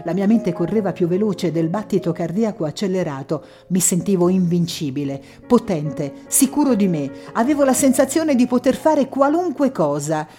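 A woman's voice: normal speed, few pauses, faint music behind. A woman narrating a first-person story as an audiobook, reading expressively. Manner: expressive reading, voicing shouted quotes louder and higher.

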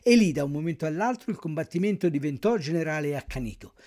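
A man reading a classic children's tale aloud as narrator, in an expressive storytelling manner. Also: a little high, fast talker.

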